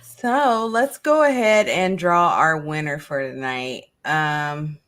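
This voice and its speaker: A woman's voice: low voice, takes it slowly, a bit bright. A woman co-hosting a craft livestream in casual chat, rambling and self-deprecating.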